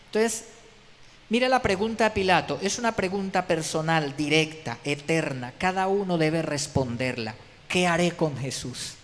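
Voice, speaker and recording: A fairly high-pitched man delivers an emphatic sermon, pressing his congregation with rhetorical questions. His voice rings with a long church-hall reverb. A faint hiss of noise sits underneath. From Colombia. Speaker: pastor.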